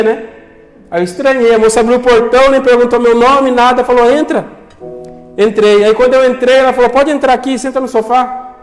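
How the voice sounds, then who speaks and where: A young man preaches in a church hall, his voice ringing with long reverb. He tells a story in an earnest way and acts out the voices of the people in it. Soft music plays underneath. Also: high voice. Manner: storytelling, acting out quoted voices, earnest appeals. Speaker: pastor. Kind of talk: sermon with personal story.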